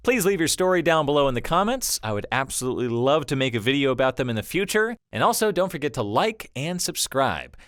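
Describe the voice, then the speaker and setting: A man reads collected stories aloud for his channel in a scripted narration style. His pitch swings widely as he tells them, keeping the delivery animated. The sound is dry and close, with no room around it. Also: a little fast, few pauses, smooth, no room sound. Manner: animated storytelling read-aloud.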